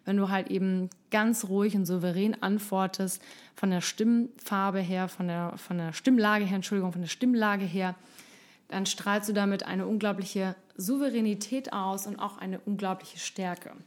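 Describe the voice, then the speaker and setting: A woman giving casual spoken advice to the viewer, chatty, with frequent fillers and self-corrections, sometimes acting out calm, firm replies in a lowered voice. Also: normal speed. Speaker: advice coach on handling bullying.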